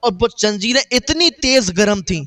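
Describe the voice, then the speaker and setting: A man's voice: very high-pitched, expressive, fairly bright tone. A man preaching voices a grief-stricken man who mourns his brother and tells the tale in a lamenting, pleading way. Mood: grieving.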